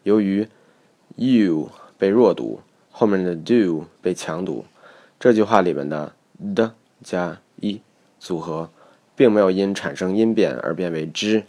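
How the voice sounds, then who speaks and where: Deep-voiced male teacher, measured explanatory narration for a recorded lesson. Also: lively intonation, a little mellow. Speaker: English pronunciation teacher.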